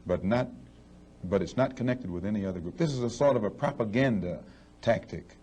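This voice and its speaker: Deep, mellow man, firm and precise. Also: fairly quick, husky. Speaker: spokesman for a religious movement. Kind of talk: measured, articulate advocacy in an interview.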